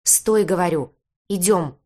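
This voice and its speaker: Figure: gruff, scolding young man from another world. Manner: impatient, curses under his breath. Performer: a woman doing the voice in an audiobook. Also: on the low side, unhurried, dark tone. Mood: urgent.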